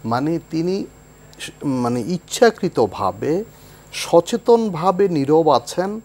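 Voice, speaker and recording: A male Islamic scholar, a guest on a television talk show, speaking in a somewhat high voice. He explains ideas thoughtfully and recites Arabic phrases with care. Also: expressive, slow, a little mellow. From Bangladesh. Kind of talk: explanatory religious discussion.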